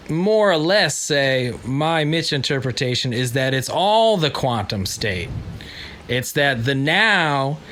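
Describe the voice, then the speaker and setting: A man's voice: on the high side, bright, forceful tone, slight background noise. A man hosting a casual philosophy podcast, musing aloud, searching for words and joking between points. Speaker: podcast host.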